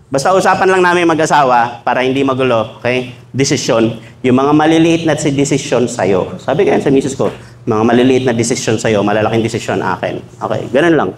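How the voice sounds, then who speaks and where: A man's voice: mid-range voice, fairly quick, a little hiss or hum. A man preaching a sermon to a church congregation, mixing jokes with teaching and acting out little dialogues in shifted voices. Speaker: pastor. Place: church hall.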